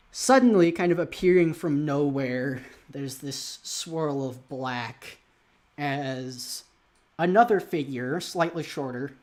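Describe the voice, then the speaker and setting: A man narrating as game master of a tabletop game, hesitant and full of fillers. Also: mid-range voice.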